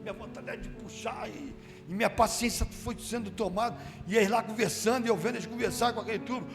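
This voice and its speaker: High, gravelly deacon testifying. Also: male voice, quick pace. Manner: animated storyteller who acts out his own quotes, rising to shouts at the peaks. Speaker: church deacon giving a testimony. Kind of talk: church testimony storytelling. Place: church hall. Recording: reverberant church hall with music behind.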